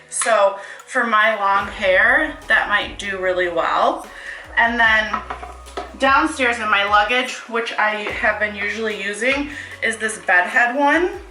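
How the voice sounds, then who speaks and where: A young woman with a bright, forward voice talks casually through a hair tutorial, rambling with fillers and asides and a little out of breath. She sounds like she is in an echoey room at home. Faint music plays behind her. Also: mid-range voice. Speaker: hair stylist vlogger.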